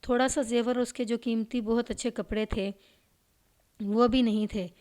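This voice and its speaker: A woman narrating a police crime story in a steady, measured reading voice. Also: a little high.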